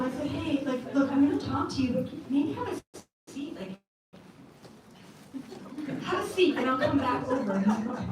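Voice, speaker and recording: A woman's voice: high-pitched, slight background noise. A Canadian woman giving a candid, storytelling talk on stage to an audience. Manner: candid, storytelling, casual swearing. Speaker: speaker on stage. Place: large event hall. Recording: echoey hall recorded from far off.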